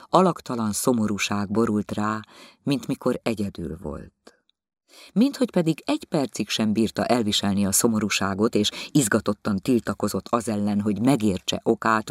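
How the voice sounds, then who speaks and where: A man reading literary prose aloud as an audiobook narrator, measured and expressive. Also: on the low side, no room sound, clean studio sound.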